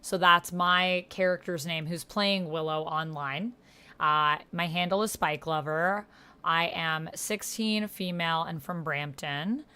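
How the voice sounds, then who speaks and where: With a lowish, smooth voice, a sharp tone and a measured pace, a woman talks through her online text roleplaying game as host and player. It's a casual, informal explanatory chat as she thinks out loud, mixed with some reading aloud.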